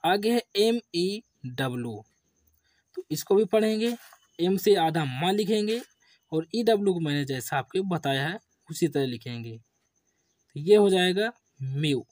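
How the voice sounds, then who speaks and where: A male teacher walks beginners through spelling, speaking very slowly and repeating each word. His mid-pitched voice sounds dry and close, with no room sound around it. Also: expressive, a little mellow, no echo. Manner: slow, repetitive call-and-response drilling. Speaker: English teacher. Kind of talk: classroom lesson for beginners.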